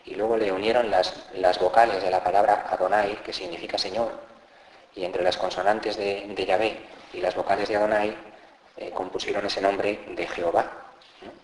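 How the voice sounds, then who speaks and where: Spanish priest chatting thru a lenten sermon, lowish voice, lots of little tag questions, echoey church w faint hiss. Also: male voice, level tone, moderate pace. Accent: Peninsular Spanish. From Spain. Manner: conversational preaching, frequent tag questions, repeats key phrases. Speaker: parish priest.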